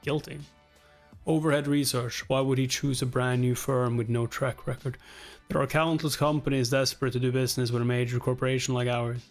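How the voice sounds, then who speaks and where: Fairly quick and fairly even in intonation, a reaction channel host performs a webtoon out loud against faint music, giving each line dramatic delivery and shifting pitch between the characters.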